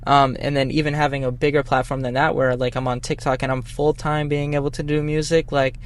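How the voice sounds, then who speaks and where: A man's voice: medium pitch, flat delivery, brisk. A man from Boston, a musician guest on a casual podcast, talking earnestly and rambling, his voice cracking now and then, recorded outdoors on a shirt lapel mic. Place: outdoors at dusk.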